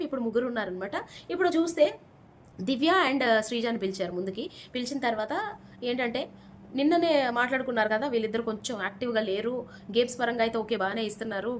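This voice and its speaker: A woman talks through last night's episode in a loose, chatty way, bringing each moment back to life as she goes. Her voice sits a little high. A faint low rumble hangs behind her. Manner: chatty, animated retelling with acted quotes. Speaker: reality show reviewer. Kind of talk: casual recap commentary.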